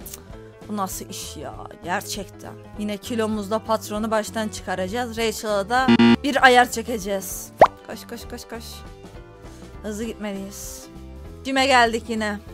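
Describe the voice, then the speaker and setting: A young woman chatting her way through a story-driven phone game, high-pitched and bouncing all over her range. She talks with dramatic, teasing flair, over faint background music. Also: fairly bright tone. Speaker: gaming YouTuber. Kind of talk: let's play commentary.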